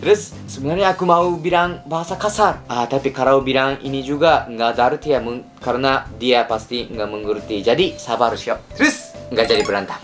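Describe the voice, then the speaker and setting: A man's voice: mid-range voice, fairly quick, hardly any pauses, faint music behind. A young man from Kansai in Japan with a Japanese accent, chatting playfully to camera and slipping in Japanese particles. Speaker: vlogger. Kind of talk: casual chat to camera.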